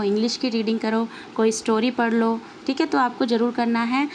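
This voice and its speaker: A woman's voice: a little high, a little hiss or hum. A woman teacher with an Indian English accent, patiently explaining a lesson and answering her own questions. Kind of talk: online class lesson.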